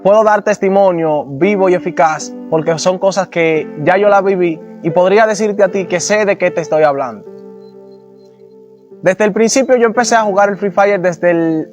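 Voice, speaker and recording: A man from the Republic, giving an earnest, somewhat halting personal testimony. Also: sits high, a little mellow, soft background music. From Dominican Republic. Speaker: testimony giver.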